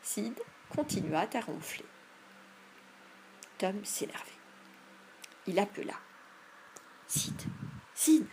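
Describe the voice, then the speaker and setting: A woman narrating an audiobook in a measured, expressive storytelling manner. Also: mid-range voice, slight background noise. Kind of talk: audiobook reading.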